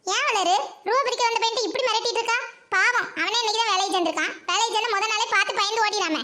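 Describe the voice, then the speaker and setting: A woman with a Tirunelveli Tamil accent playing a gossipy village housewife who scolds quickly and shrilly in a comedy skit. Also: very high-pitched, pushed and bright. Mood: teasing.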